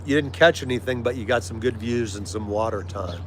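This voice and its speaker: With vehicle-like ambience clearly in the background, an American man talks casually with his livestream audience, agreeable and friendly throughout. His voice is mid-range and brisk.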